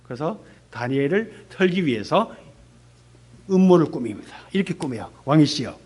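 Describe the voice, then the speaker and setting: A man in his fifties, a missionary pastor, gives an animated testimony sermon in a church service and puts questions to the congregation. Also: on the high side, moderate pace, slightly rough. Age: 50s.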